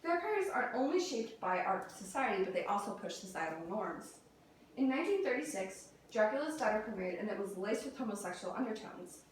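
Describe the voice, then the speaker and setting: A young adult woman, a student, reads a prepared persuasive speech in a mid-range, sing-song voice at a slightly fast pace, going through structured points and sometimes tripping over words. She is picked up by a distant camera or room mic in a very echoey room, with faint background noise.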